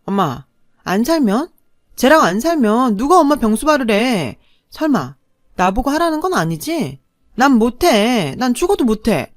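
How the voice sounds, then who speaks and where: A woman's voice: fairly high pitch, no room sound. Woman voicing a selfish older sister, whiny, dismissive, radio drama, dry close sound.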